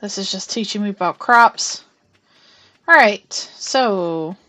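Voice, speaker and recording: A young woman with a medium-pitched voice chats easily while she plays, narrating every step of her game out loud. Now and then she hums or murmurs quietly to herself between remarks. The tone stays loose and unscripted, like a friendly live stream. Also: animated, slow pace. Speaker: streamer playing a farming game. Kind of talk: casual live-stream chat.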